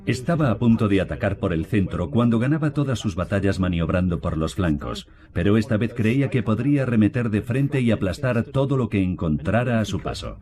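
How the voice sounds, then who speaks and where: A man's voice: on the low side, expressive, fairly quick, hardly any pauses. A man giving dubbed expert commentary for a history documentary. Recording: music behind the voice.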